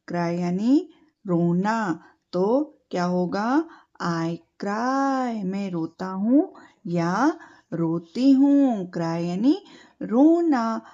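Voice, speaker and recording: Woman tutor, very slow and repetitive, spells out words and quizzes, dull lo-fi sound. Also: medium pitch, darkish tone. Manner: slow, drilling repetition with spelled-out letters and quiz questions. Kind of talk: teaching English verbs to children in Hindi. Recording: dull lo-fi home recording.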